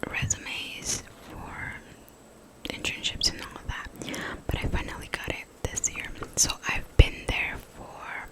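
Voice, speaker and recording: Hushed, whispering young woman, slow ASMR ramble. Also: low-quality recording. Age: young adult. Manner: hushed voice, pure unvoiced whisper; halting, unhurried, conversational. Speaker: ASMR content creator.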